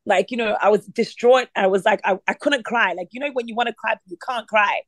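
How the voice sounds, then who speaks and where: A woman's voice: medium pitch, brisk, no room sound. A woman leading a prayer meeting by phone, talking in an earnest, conversational way with many fillers. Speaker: prayer line leader.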